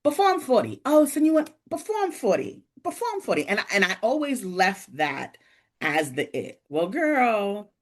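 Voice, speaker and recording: A woman in her forties, a guest on a podcast, tells a personal story in a casual chat. Her voice is medium-pitched and moderately paced, and she gets animated, acting out the voices of the people she quotes.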